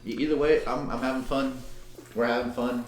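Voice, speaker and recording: A young man from Colombia co-hosting a casual podcast, halting and repeating words, joking around. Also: medium pitch, steady tone. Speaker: podcast co-host. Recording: echoey room, faint background noise.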